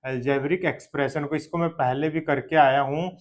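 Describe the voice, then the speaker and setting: A man's voice: fairly high pitch, fairly even intonation, normal speed. A man in teaching a math lesson, posing questions and answering them himself as his students, often repeating key terms and praising with "very good". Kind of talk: exam-prep math lesson.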